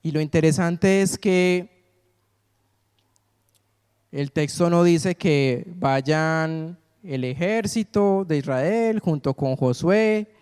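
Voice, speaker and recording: A pastor preaches in a church sanctuary, his voice fairly high, slow, smooth and a little mellow. In a call-and-response style, he keeps asking the congregation to call out the missing word. The long reverb of the church hall carries through the recording.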